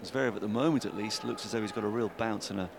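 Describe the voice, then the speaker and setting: A man with a low, gravelly voice commentates on live tennis, talking very fast in a chatty, lively way as his pitch climbs with the play. Steady broadcast noise runs behind him.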